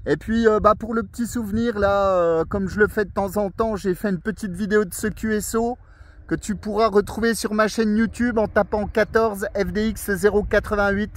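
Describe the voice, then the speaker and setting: This amateur radio operator, out in a forest on a mobile rig, keeps up a friendly, rambling, repetitive contact chat. He speaks at normal speed in a high-pitched voice with fairly even intonation.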